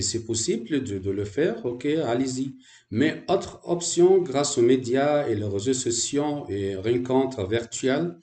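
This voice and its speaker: A man's voice: mid-range voice, dark tone, echoey room. A man from Egypt, a French language teacher, gives a hesitant talk to fellow teachers with many fillers and restarts.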